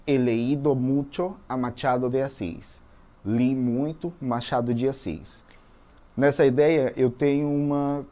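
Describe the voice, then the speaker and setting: Mellow-voiced Brazilian man teaching. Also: mid-range voice. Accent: Brazilian Portuguese. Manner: explains slowly and methodically, reading examples aloud. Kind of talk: recorded language lesson.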